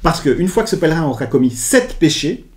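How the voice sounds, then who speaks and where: A man co-hosting a board game review, explaining the rules in casual chat, animated and often correcting himself mid-sentence. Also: a little high, brisk. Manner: animated, self-correcting, finishes his partner's sentences.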